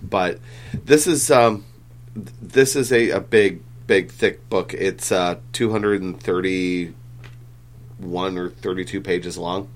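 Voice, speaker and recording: Low-voiced guy hosting a podcast, rambles with lots of ums and uhs, swears casually. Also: takes it slowly. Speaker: comic book podcast host.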